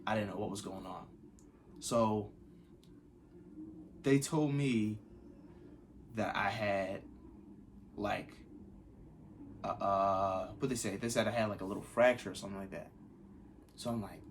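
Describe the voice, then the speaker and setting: A man's voice: fairly low pitch, fairly bright tone, slight background noise. A young man casually telling a personal story, loose and slangy. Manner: laid-back slangy retelling. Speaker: vlogger.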